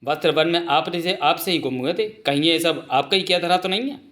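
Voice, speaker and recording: A man's voice: on the high side, a little fast, a bit bright, lightly acted. A man voicing a stern, suspicious male army commander in a comic dub. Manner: accusing, gruff.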